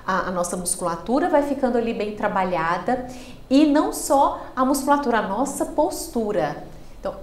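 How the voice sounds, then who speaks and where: A Brazilian woman speaks as a podcast guest, her voice a touch high. She explains like a speech therapist, pushing her pitch and loudness up and down for emphasis. The studio around her sounds roomy and echoing. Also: normal speed. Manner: expressive, swings pitch and loudness to make points.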